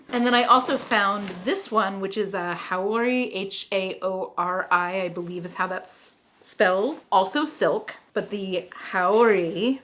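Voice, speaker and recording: Chatty Philadelphia woman showing thrift finds. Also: medium pitch. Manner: chatty, enthusiastic, lots of "like" and "you know". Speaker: reseller vlogger. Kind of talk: casual haul chat to camera.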